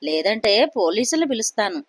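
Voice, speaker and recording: A woman's voice: medium pitch, very animated, moderate pace, dry recording. Woman doing a flustered, suspicious young man. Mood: alarmed. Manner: indignant, panicky.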